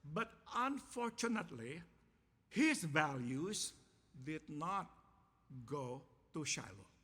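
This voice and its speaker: A male pastor delivering a sermon in measured, emphatic phrases, repeating each point in English after saying it. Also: on the high side, sing-song, fairly bright tone, husky. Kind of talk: bilingual sermon with self-interpretation. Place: church. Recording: long church reverb.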